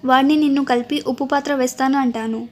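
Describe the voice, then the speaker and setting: A woman's voice: high-pitched, steady tone, quick pace. A woman voicing a defiant, angry young woman in a storybook reading, fierce and cutting.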